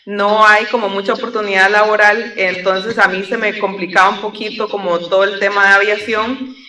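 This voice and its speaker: A young adult woman from Costa Rica with a Costa Rican accent, an airline pilot telling her story in a relaxed, reflective way with many fillers. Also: medium pitch, moderate pace. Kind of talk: conversational storytelling interview. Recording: roomy echo, distant from the mic.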